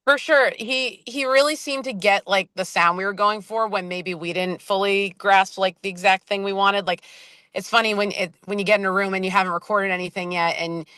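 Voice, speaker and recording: A woman's voice: mid-range voice, steady tone, brisk, bright, forceful tone, smooth, no echo. A woman musician chatting casually in an interview, rambling with many fillers and restarts. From Boston area, US. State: just woke up from a nap. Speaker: band member, interview guest.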